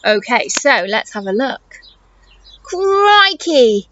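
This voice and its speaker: Very animated and taking her time, the teacher reads to young children in a high, fairly bright voice, stopping now and then to explain and quiz them about the picture book. It's a lively storytime read-aloud, and the audio is dull with a little hiss or hum.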